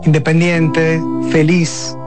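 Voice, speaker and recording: A man speaking as a father in a commercial testimonial, earnest and a little halting. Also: a little high, completely flat delivery. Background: loud music.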